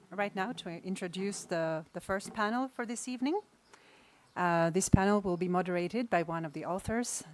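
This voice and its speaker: A host introducing a panel, hesitant with fillers and self-corrections. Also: male voice, high-pitched. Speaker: event host.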